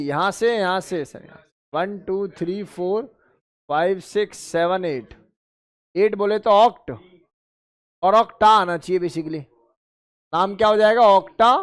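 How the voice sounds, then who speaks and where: A chemistry teacher, a man with a high voice, runs a lively exam-prep lecture. He drills his students by counting positions aloud and calls them beta and bhai, and his comes through on the technical terms. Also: clear, resonant tone. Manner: addresses students as beta and bhai, asks and answers his own questions.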